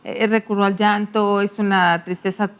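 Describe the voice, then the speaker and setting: A woman's voice: mid-range voice, little pitch movement, moderate pace, clear, resonant tone. A woman hosting an interview, listening attentively with short affirmations and adding her own thoughts. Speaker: host.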